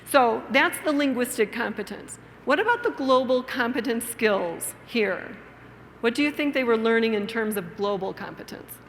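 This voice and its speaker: A woman gives a conference plenary on teaching, speaking into an amplified mic and turning to the audience with questions. Her voice sits a little high. It echoes through a large hall over a faint room hum. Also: animated, moderate pace. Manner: engaging, asks the audience questions, frequent tag "right?". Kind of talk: conference lecture with a read-aloud story. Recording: long hall reverb, faint room ambience.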